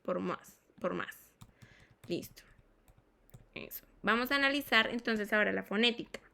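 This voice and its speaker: With a medium-pitched, sharp voice touched by vocal fry, a woman walks her class through English pronunciation. She takes it slow and deliberate, sounding out each element, repeating words and checking that students follow.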